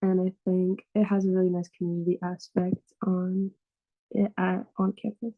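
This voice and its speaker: A teenage girl talks chattily about her school. Her voice stays fairly flat in pitch, and the audio comes through thin and tinny like a phone line. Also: normal speed, no room sound. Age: teens. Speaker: student panelist. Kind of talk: casual self-introduction and answers.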